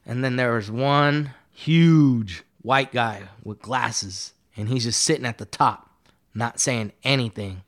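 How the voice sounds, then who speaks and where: Speaking slowly with a slightly bright, medium-pitched voice, this man is a guest artist spinning a lengthy tale for a podcast interview. He rambles casually, swears freely, and leans on plenty of fillers.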